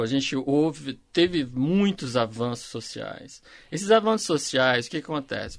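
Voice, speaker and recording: A man's voice: medium pitch, a bit bright, dry recording. A man, a panel guest who often stalls and repeats words as he searches for them. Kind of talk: discussion on a panel show.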